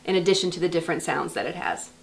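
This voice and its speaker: An American woman, a dialect coach, explaining clearly and patiently with examples. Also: lowish voice, fast, slight background noise. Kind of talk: explanatory teaching to camera.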